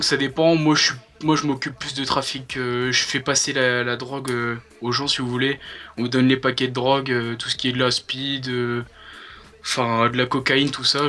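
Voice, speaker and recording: A man playing a troubled, bullied gang member on a prank phone call, talking in a halting, rambling way. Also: medium pitch, pushed and bright, close to an everyday voice. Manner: speaking over the phone. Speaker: prank caller.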